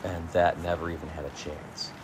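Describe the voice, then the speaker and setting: A man giving low-key, measured golf commentary, calling the play shot by shot. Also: little pitch movement, over a noisy crowd, rough recording.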